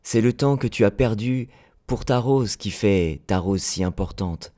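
A man voicing a wise, calm male fox in an audiobook, speaking in a measured way. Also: lowish voice, lightly acted.

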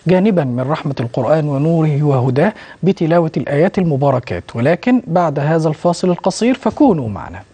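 A man's voice: on the high side, big pitch swings, fast, dark tone. A man with an Egyptian accent hosting a religious TV show, addressing viewers courteously and taking calls. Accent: Egyptian Arabic. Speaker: TV show host. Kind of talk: formal broadcast presenting.

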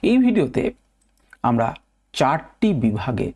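A middle-aged man gives a lesson, with a gravelly, husky and mellow voice. His pitch moves up and down a lot. He stresses his key words by repeating them and asks his listeners questions he then answers. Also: very animated, measured pace. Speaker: trading teacher. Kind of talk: lecture video.

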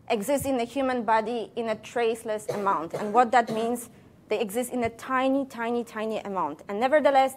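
A woman scientist giving a public science lecture with a somewhat high voice. She talks playfully, throws questions at the audience and slips jokes in between the facts. Her delivery is animated and conversational.

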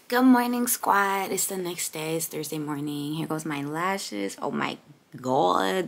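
A hoarse young woman talks to her camera in a casual, slangy vlog, playful and sassy. Her voice sits low and gravelly with a bright, sharp edge, and she keeps clearing a raspy throat. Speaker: vlogger.

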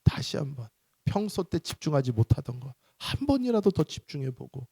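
A middle-aged male pastor giving a sermon in an animated storytelling manner. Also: a little high, moderate pace, vocal fry, breathy edge, no echo. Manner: animated storytelling, acts out voices.

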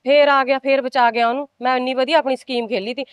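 An actress playing a resentful, scheming elder daughter-in-law who grumbles and snaps back. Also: female voice, high-pitched, steady tone, fast, lightly acted. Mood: sulky. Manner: grumbling, sulky, sharp-tongued. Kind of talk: amateur village short-film acting.

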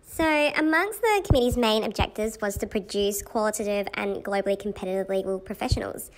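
A woman's voice: medium pitch, a little fast. Young woman explaining things in a vlog. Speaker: vlogger presenting a study topic.

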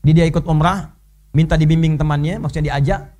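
An Indonesian man preaching in a mosque at a quick clip. His voice sits a little high, and his storytelling is animated. It rises sharply whenever he acts out a moment. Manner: animated storytelling, leaps high when voicing characters. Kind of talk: sermon.

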